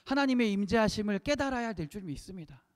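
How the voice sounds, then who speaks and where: A man preaching a sermon, emphatic, repeating key phrases and swinging between loud peaks and hushed lines. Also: sits high, animated, quick pace. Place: church sanctuary. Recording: long reverb of a church hall.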